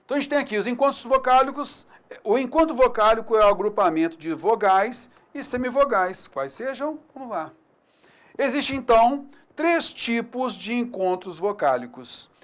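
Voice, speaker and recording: A man's voice: very high-pitched, lively intonation, normal speed. A man with a Brazilian accent teaching grammar in a recorded online lesson. He talks to the class in an upbeat, informal way and keeps checking in with slang. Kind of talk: recorded online lesson, explaining over slides.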